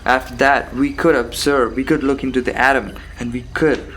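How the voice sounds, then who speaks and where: A man giving a rambling philosophical monologue, musing haltingly with rhetorical questions and repeated phrases. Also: mid-range voice, fairly even intonation, fairly bright tone. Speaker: solo host of a philosophical talk. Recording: background noise with insect and cricket sounds.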